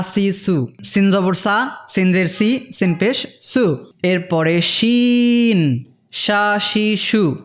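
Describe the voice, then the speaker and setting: Patient Quran reading tutor, slow drill delivery, mid pitch. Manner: chanting letter sounds slowly, then quick asides. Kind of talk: slow phonics drill for beginners.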